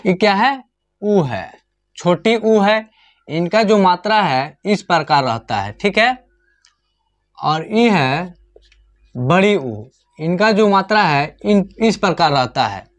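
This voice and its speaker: A man teaches an online Hindi lesson, frequently asking questions and answering them himself while repeating key points. His voice sits high with lively intonation, slow and full of pauses.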